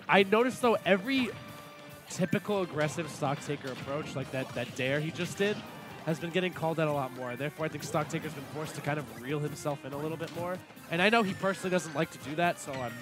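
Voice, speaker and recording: A man with a slightly high voice calls a video game match live, mixing quick tactical breakdowns with joking asides. Clear background music plays behind him throughout. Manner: chatty analytical play-by-play with jokey asides. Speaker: esports commentator. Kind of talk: live esports commentary.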